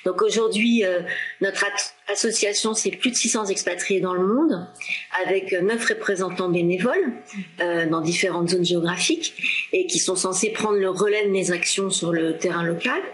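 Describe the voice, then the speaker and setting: A French woman in her forties, an association founder, telling her story in a relaxed, chatty interview with frequent fillers and restarts. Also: medium pitch, normal speed, low-quality recording. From France. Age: 40s. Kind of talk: casual interview talk.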